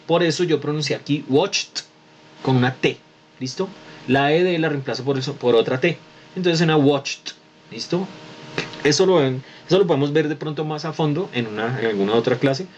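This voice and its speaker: A man's voice: mid-range voice, muffled recording, a little hiss or hum. A man teaching English pronunciation in an online class, patiently explaining and checking in with students. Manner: switches between Spanish and English, patient explaining with frequent "¿listo?". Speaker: English tutor. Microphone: computer mic on a video call.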